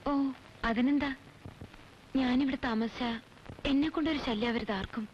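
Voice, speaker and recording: A woman's voice: sits high, moderate pace, a little hiss or hum, lightly acted. An actress playing a polite young woman raised in Bombay, an outsider who apologizes and slips English words into her speech. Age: young adult. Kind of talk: 1980s film drama. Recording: dull lo-fi film soundtrack.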